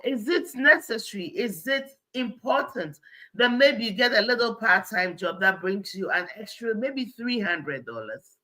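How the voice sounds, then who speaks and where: A woman talks over a video call link as a guest on a web talk show. Her voice is bright and sharp, and her pitch moves around a lot as she lays out her point. She walks through every example step by step. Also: poor audio. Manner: explains with step-by-step worked examples. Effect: heard over a video call. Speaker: guest speaker. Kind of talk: casual chat on a web show.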